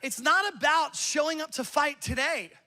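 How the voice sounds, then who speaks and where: Bright, very high-voiced male pastor. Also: moderate pace. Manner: casual storytelling, laughing often. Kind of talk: sermon. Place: church campus.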